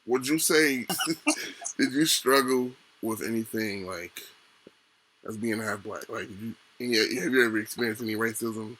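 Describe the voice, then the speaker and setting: A man's voice: lowish voice, moderate pace, a bit bright, poor audio. A man co-hosting a podcast who talks in a laid-back, slangy way and laughs easily. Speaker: podcast co-host. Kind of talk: casual chat.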